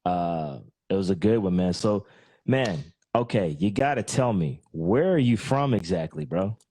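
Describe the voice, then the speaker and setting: A man's voice: sits low, expressive, a little slow, dark tone. A man hosting a podcast, chatting in a laid-back, friendly way with lots of fillers over a remote call. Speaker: podcast host. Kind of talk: casual interview chat. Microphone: remote call microphone.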